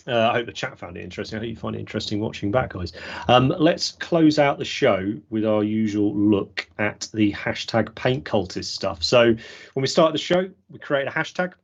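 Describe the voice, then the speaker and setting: A man hosting a casual hobby podcast, relaxed and chatty. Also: medium pitch, normal speed. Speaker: podcast host. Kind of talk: casual chat. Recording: dull lo-fi audio.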